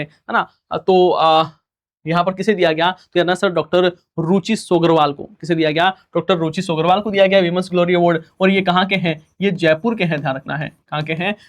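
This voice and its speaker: Male tutor, fairly high voice, quick recorded lecture, asks and answers himself. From India. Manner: rhetorical questions and repeated answers, student-style replies; fast-talking. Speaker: teacher. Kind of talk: recorded exam-prep lecture.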